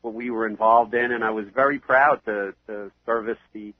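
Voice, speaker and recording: Husky New York man with a head cold. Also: on the low side, fairly even intonation, normal speed, dry recording. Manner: chatty, rambling with fillers. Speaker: interview guest. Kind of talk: phone interview. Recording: phone line.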